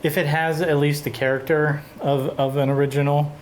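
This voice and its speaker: A man talking in a rather high voice as he hosts a loose synth chat, drifting through thoughts with easy filler. A faint hiss sits behind him. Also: moderate pace. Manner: relaxed and rambling, with filler and restarts. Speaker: host of a synthesizer show. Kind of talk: casual chat.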